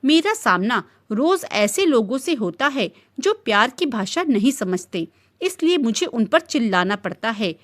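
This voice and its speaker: A woman's voice: fairly high pitch, fairly bright tone. A woman voicing a stern, protective male police officer who speaks firmly and reassuringly in a storybook reading.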